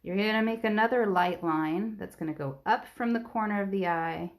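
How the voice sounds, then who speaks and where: A woman's voice: mid-range voice, moderate pace. A woman art teacher giving a patient, step-by-step drawing lesson on a live stream.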